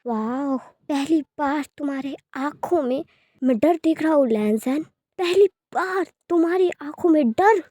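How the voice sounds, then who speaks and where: A woman's voice: sits high, normal speed, no room sound, clean studio sound. A woman voicing a cruel young male villain who taunts and gloats in a sing-song way. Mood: gloating.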